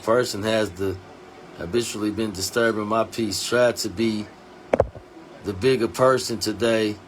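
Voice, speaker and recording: A man in his forties hosting a live stream, talking bluntly in street slang and dropping his voice low and quiet to hammer a point home. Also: fairly even intonation, measured pace, noisy background. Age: 40s. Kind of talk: casual live stream talk.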